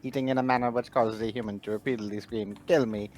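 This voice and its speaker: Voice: mid-range voice, steady tone, fast talker, a little mellow, soft background music, lightly acted. A streamer voicing a polite, logical robot student in stiff, formal phrasing while reading game dialogue.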